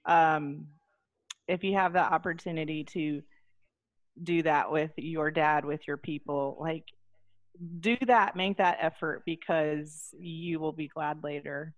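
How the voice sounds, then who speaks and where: A woman's voice: low voice, steady tone, takes it slowly, no echo, muffled recording. A woman hosting a podcast, chatting in an effusive, affectionate way with her guest. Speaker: podcast host. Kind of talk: casual interview chat.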